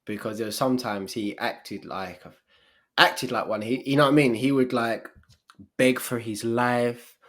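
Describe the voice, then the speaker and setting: A man's voice: medium pitch, steady tone, moderate pace, fairly bright tone. A man co-hosting a podcast in casual chat, blunt and slangy. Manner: blunt, slangy, drops into mock voices. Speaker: podcast co-host.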